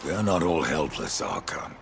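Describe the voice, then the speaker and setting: An actor playing Death, a grim and sardonic horseman, with a gravelly voice, speaking in terse, dry lines in a video game cutscene. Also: very deep voice, lively intonation, moderate pace, fairly bright tone, a little hiss or hum, exaggerated voice. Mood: cold.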